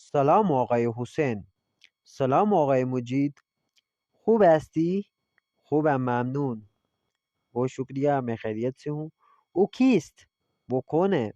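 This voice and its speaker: A man's voice: medium pitch, dark tone, no echo. Man teaching Persian, muffled recording. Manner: reads Persian phrases slowly, then explains them in Urdu. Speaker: language teacher. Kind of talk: classroom lesson explanation.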